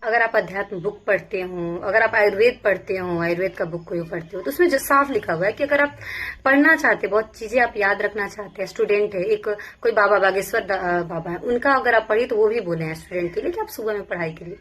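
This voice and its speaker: A young police sub-inspector from Bihar gives exam aspirants casual but earnest study advice, speaking in first-person plural and repeating her points as she goes. Her mid-range voice is brisk and a bit bright.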